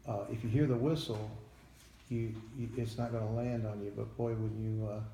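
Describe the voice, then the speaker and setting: An older American man, a veteran in an interview, remembering his army days in a halting, plain-spoken way. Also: lowish voice, level tone, dark tone. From United States. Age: 70s or older. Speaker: Vietnam-era army veteran being interviewed. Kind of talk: veteran interview, recalling memories. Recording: echoey room, faint background noise.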